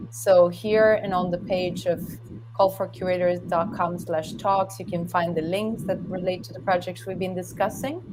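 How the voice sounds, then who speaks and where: Polite woman moderator on a video call, lowish voice, noisy background. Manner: polite, appreciative. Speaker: host, moderator. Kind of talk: hosting an online talk.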